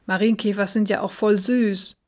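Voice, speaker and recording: A woman's voice: medium pitch, flat delivery, moderate pace, close to an everyday voice. A woman voicing a slightly prim young girl in a storybook reading, speaking matter-of-factly.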